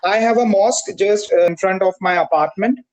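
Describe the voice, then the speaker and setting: A man from Pakistan practicing English over a video call, speaking carefully with many "uh" pauses. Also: high voice, poor audio. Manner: careful, hesitant, frequent "uh" pauses. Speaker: English learner. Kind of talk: conversation practice.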